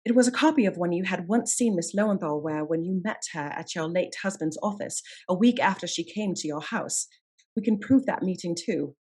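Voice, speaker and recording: A woman's voice: fairly low pitch, animated, a little fast, a little mellow, husky. A woman playing a shrewd, assured lady detective in a period radio mystery, speaking formally and articulately as she sets out her case. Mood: accusing, resolute. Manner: articulate, formal, methodical accusing delivery. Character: shrewd, composed lady detective of Scotland Yard, commanding and assured.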